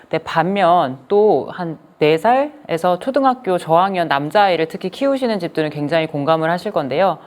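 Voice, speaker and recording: Female professor, panel discussion, lowish voice, measured questioner. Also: animated, darkish tone.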